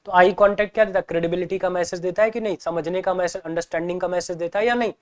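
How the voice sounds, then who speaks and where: A man's voice: sits high, fairly even intonation, rapid-fire. A male teacher giving an exam-prep lecture, explaining with rhetorical questions and acting out everyday examples.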